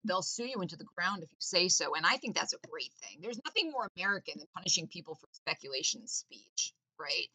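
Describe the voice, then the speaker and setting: A woman's voice: lowish voice, big pitch swings, quick pace, hardly any pauses, pushed and bright. A woman delivering a sarcastic, mock-earnest political rant, sometimes laughing at her own irony. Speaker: satirical commentator.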